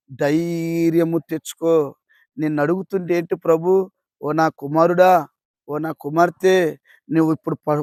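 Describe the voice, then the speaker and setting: Exhorting pastor, dry sound. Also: male voice, fairly high pitch, no echo. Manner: exhorting, repeats phrases, swings from loud to hushed. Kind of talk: daily devotional sermon.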